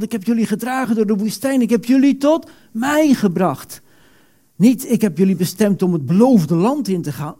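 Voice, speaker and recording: A man preaching a sermon, animated, acting out quoted prayers with sudden loud outbursts. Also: high-pitched.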